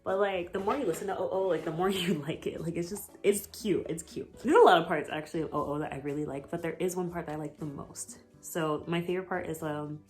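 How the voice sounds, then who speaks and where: A woman's voice: lowish voice, quick pace, hardly any pauses, soft background music. A young American woman chatting casually in a vlog, rambling and gushing with lots of fillers and giggles. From United States. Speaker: vlogger. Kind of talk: casual chat.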